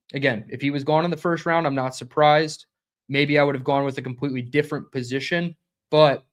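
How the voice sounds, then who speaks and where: A young man hosts a live sports reaction stream in a loose, conversational way. He talks quickly, stumbles over a word now and then, and reads viewers' chat comments aloud as he goes. His voice sits at an ordinary middle pitch for a man. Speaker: podcast host.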